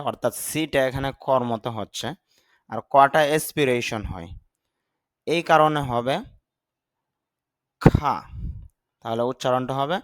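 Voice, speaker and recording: A man's voice: medium pitch, fairly bright tone, clean tone, no echo. A man, a Bengali speaker, teaching English vocabulary in a patient step-by-step lesson and spelling words out sound by sound.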